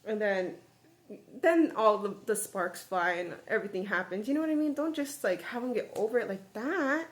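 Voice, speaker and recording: A young woman vlogging about a book she is reading, animated and chatty, with lots of "like" and "babe". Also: mid-range voice, normal speed. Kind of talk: casual book reaction rant.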